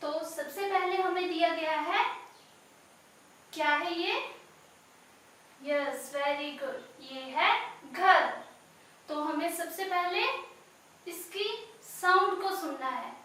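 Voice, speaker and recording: A woman's voice: very high voice, slow, long pauses, fairly bright tone, heavy reverb, distant mic, low-quality recording. A woman teacher giving a recorded primary school lesson, speaking to young children, sounding out each word syllable by syllable and slipping English words into her teaching.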